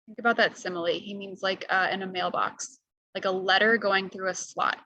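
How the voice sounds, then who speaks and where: A woman reading a novel aloud to students, clearly and with pauses to explain what she reads. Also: medium pitch, fairly even intonation, pushed and bright, dry recording, muffled recording. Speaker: reader.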